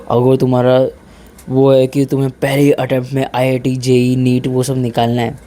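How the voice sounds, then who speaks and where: A man's voice: mid-range voice, warm tone, a little hiss or hum. A young man giving casual, blunt advice on gym and studies, slipping English into his talk and calling his listeners brother. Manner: informal, mixes English in, says "bhai" a lot. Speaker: fitness vlogger.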